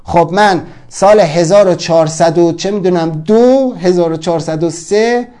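A man's voice: high voice, mellow. A man giving a motivational seminar talk, telling stories animatedly and acting out the voices of the people he quotes. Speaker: motivational speaker.

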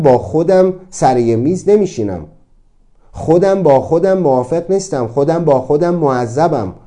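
A man's voice: medium pitch, warm tone. A man giving a motivational talk, earnest and reflective, asking many rhetorical questions. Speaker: speaker on self-acceptance.

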